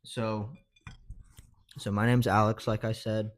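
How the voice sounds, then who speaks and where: A man's voice: fairly low pitch, slow, slight background noise. A young man in his twenties from Georgia, a medical student chatting casually with many ums. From Georgia, USA. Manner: relaxed, easygoing, many ums. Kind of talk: casual chat.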